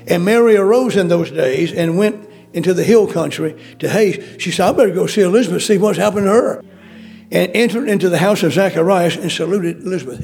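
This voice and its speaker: A man's voice: sits high, gravelly, a little mellow. A man preaching a sermon, reading scripture aloud and breaking in with plain, folksy asides to explain it. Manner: reads verses then comments in plain folksy asides.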